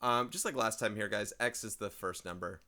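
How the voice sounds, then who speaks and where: A man teaching a casual video math lesson, chatty and thinking aloud, often clearing his throat and apologizing, speaking into a desk microphone. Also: lowish voice, fairly quick, sharp tone.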